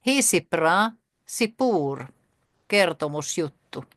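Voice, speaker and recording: Low-pitched woman going through vocab words, repeats each one slowly, lots of ums, dry sound. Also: animated, fairly bright tone, no room sound. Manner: slow, repeats each word with many fillers. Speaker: language teacher. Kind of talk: vocabulary lesson.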